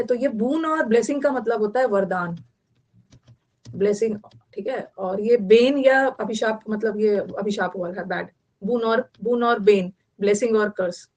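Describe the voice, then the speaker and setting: A woman's voice: mid-range voice, a little mellow. A young adult woman with an Indian accent teaching vocabulary online, explaining in Hindi mixed with English and repeating key words.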